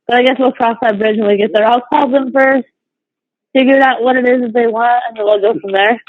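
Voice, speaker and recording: A woman's voice: on the high side, fairly even intonation, a little fast, no room sound. A woman chatting informally over a prison phone call, talking as a friend to an inmate. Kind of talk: casual personal phone chat. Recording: dry, tinny prison phone line.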